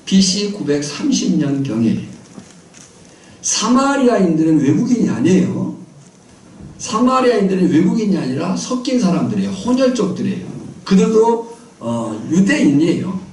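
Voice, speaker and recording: A man's voice: high voice, very animated, moderate pace, a little mellow, a little hiss or hum. A man preaching a sermon as pastor, quizzing his congregation with questions and repeating key phrases in a rhythmic list. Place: small island church. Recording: echoey church sound from a distant mic.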